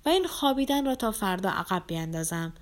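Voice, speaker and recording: A frail young man in a storybook reading, speaking low and hushed in a rough, near-whisper, as a woman reader plays him. He talks slowly and wearily. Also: big pitch swings, lightly acted. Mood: weary. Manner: quiet and slow. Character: gravely ill young man, weak, hoarse and ironic. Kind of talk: audiobook character reading.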